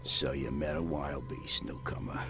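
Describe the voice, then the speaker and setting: A man playing a wary, gruff barkeeper in a video game, guarded and terse. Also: extremely low pitch, steady tone, normal speed, over music. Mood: ominous. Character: gruff, wary male bartender at a seedy port bar. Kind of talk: video game character acting.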